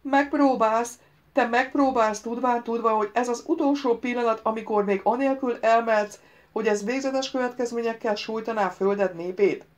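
Loud bossy invisible voice, mocking and proud, a lady reader putting it on, audiobook. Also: mid-range voice, voice pushed up, natural voice. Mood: imperious. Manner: loud, commanding, reproachful. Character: unseen booming male voice, imperious, mocking.

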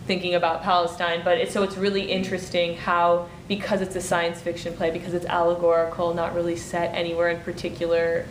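A woman's voice: completely flat delivery, fairly quick, hardly any pauses. A woman in her thirties, a playwright, talking through her ideas in a thoughtful, searching way with many fillers, in a small meeting room. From Michigan and Germany. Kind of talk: casual interview chat. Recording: echoey room with faint rumble.

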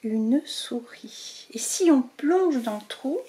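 Slow, lively woman reading aloud to children. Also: high voice. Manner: slow, expressive, addressing children. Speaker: storyteller. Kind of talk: children's picture book reading.

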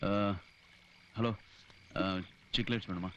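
A man's voice: lowish voice, fairly even intonation, slow pace, dull audio, slight background noise. An actor playing a shy, hesitant young working-class man who stammers, in a film scene. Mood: thoughtful. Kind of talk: film dialogue.

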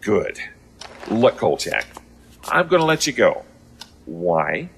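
A gruff police captain in a radio drama. He is curt and sarcastic, with a tense, forceful voice that swings in pitch. There is faint noise and clicking behind him. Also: sing-song, slow, exaggerated voice. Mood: exasperated, threatening. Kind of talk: audio drama acting.

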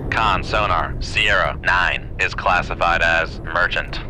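An actor playing a disciplined navy submarine sonar operator in a game, giving formal, clipped military reports. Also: male voice, low-pitched, slow pace, background noise. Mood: terse, businesslike. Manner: formal, procedural. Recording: game clip with loud vessel ambience.

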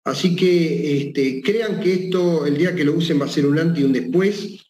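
A man's voice: a little high, normal speed, dark tone. A man giving a medical talk, often closing his points with a short questioning tag, recorded in a roomy space. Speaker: speaker, surgeon. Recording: echoey room with faint noise.

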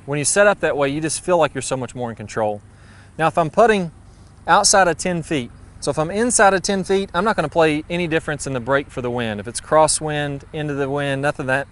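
Fast-talking golf coach outdoors. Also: male voice, fairly high pitch. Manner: brisk, friendly, practical coaching. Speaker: golf instructor. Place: golf putting green, outdoors. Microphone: lapel mic.

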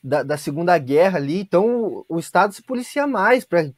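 A man's voice: high-pitched, sing-song, brisk, a loud crowd. A young Brazilian man hosting a talk show on a video call, slangy and emphatic. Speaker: podcast host. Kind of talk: casual discussion on video call. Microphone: webcam on video call.

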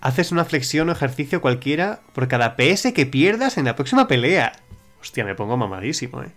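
On a livestream, a chatty young man reads out viewer suggestions in a medium-pitched, very animated, fairly bright voice at a fairly quick clip. He rambles, keeps restarting, and swears a lot, with soft music playing behind him.

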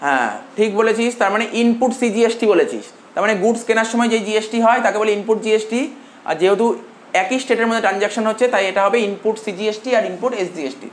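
A male commerce tutor from India giving a classroom lecture, dictating notes slowly with repeated phrases and quizzing his students as he goes. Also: high voice. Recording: roomy classroom echo, faint hum.

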